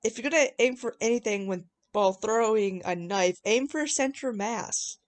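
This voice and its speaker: A woman's voice: a little high, normal speed. A woman doing casual commentary on her own old writing as she reads it out, with mocking, self-deprecating asides. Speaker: video host reviewing own old writing. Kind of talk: casual commentary with read-aloud story passages.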